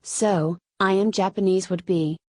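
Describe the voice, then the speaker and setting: A Spanish woman, a native Spanish speaker, explaining Korean grammar in English with a Spanish accent, in steady step-by-step scripted narration. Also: mid-range voice, unhurried, dry recording. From Spain. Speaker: Korean language teacher.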